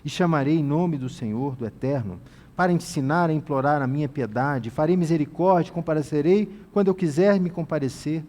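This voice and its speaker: A man teaching from the Bible in a sermon style, reading scripture and paraphrasing God's voice gently, then rising to emphatic exhortation. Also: on the high side, brisk, in a large hall. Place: inside a tent.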